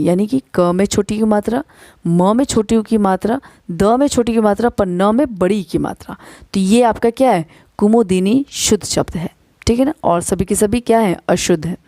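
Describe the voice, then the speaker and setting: A woman's voice: medium pitch, warm tone, no room sound. A woman teaching an exam-prep spelling lesson, spelling words out letter by letter and often checking in with her students. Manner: slows down to dictate syllables. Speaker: Hindi teacher.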